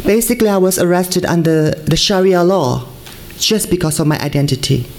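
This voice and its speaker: A woman's voice: fairly low pitch, normal speed, a little mellow. A middle-aged woman from Malaysia giving a conference talk at a podium microphone in a large hall, earnest and pleading, repeating phrases for emphasis. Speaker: conference speaker.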